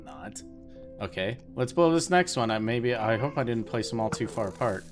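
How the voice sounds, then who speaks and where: A man hosting a let's play, chatting casually to viewers about his game and getting easily excited. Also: mid-range voice, brisk, over music. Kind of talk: casual gameplay commentary.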